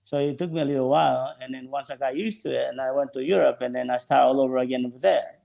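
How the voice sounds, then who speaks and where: Gravelly man. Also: mid-range voice, fast. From El Salvador. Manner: relaxed, searching for words. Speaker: sommelier and winemaker guest. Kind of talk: casual interview chat.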